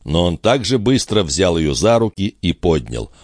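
A man narrating an audiobook in a calm, even storytelling manner. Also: low voice, normal speed, no room sound, clean studio sound.

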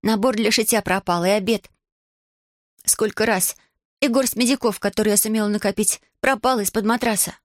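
A woman's voice: fairly high pitch, fast talker, no room sound, studio quality, pitched above the performer's own voice, natural voice. A woman voicing a determined young orphan girl who stands up to her stepmother, speaking firmly and pointedly, read for an audiobook. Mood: defiant. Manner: firm, pointed and steady.

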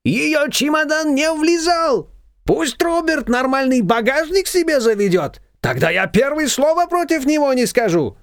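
A man's voice: very high-pitched, sing-song, measured pace, dry recording, clean studio sound, pitched above the performer's own voice, full character voice. A man voicing a talkative, boastful old taxi driver who rambles indignantly. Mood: chatty.

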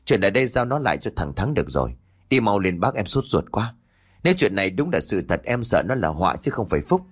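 Brief: anxious villager, voiced by a man, pushes everyone along, low voice. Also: very animated, breathy edge. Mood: urgent. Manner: urgent, hurried. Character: middle-aged village man, nervous and impatient.

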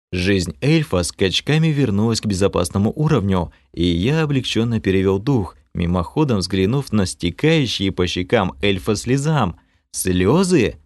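A man reading a fantasy audiobook in the first person, animated and expressive. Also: lowish voice, no room sound, clean studio sound. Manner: animated reading with lively shifts of tone. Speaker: audiobook narrator.

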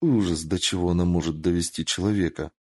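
A man's voice: deep voice, fast, a little mellow, husky, no echo, clean studio sound. A man voicing a stern, hot-tempered young princess who speaks in a commanding, growling way.

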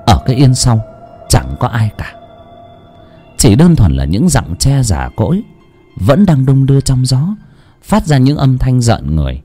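Man narrating a horror story, very animated. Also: mid-range voice, unhurried, pauses often. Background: faint background music.

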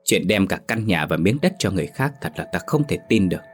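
A man's voice: sits low, sing-song, quick pace, faint music behind. A man voicing the glowing ghost of an old man who scolds sternly. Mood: reproachful.

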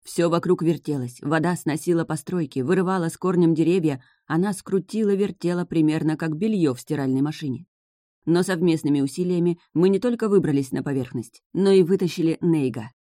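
Low-voiced woman narrating a fairy tale. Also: a little fast, dark tone, dry recording, studio quality. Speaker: audiobook narrator. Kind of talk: scripted first-person narration.

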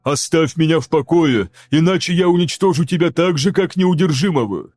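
Чтец-мужчина в роли израненного, усталого воина-принца: ворчливо, отрывисто, мягкий тёмный тембр. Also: male voice, on the high side, lively intonation, normal speed, darkish tone, faint music behind. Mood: weary, defiant. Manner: gruff, clipped, through clenched teeth. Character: battered, weary male warrior-prince, defiant.

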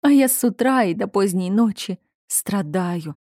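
A woman's voice: mid-range voice, expressive, dark tone, dry recording, clean studio sound. A woman voicing a hysterical, melancholy young noblewoman who sobs and lashes out. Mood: distraught. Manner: sobbing, drawn-out, raised outbursts.

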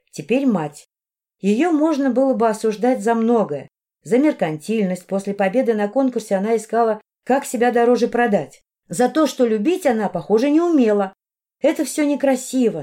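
A woman narrating a first-person audiobook in a reflective, steady way. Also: medium pitch.

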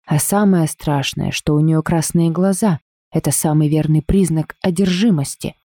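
A woman's voice: deep voice, normal speed, dark tone, no echo. A woman voicing a zealous village woman who accuses and gloats, in a preachy, accusing manner.

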